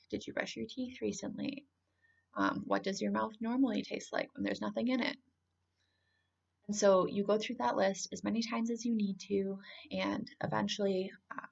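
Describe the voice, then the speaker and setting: A woman calmly explaining and guiding a grounding exercise in an informal, conversational way. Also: medium pitch, gravelly, dull audio. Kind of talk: informal spoken lesson, calm grounding exercise.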